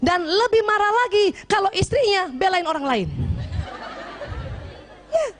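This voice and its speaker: A woman from South Sulawesi giving a lively marriage advice talk to a women's gathering, teasing and acting out little scenes while often checking in with her listeners. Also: very high-pitched, measured pace. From Bugis, South Sulawesi.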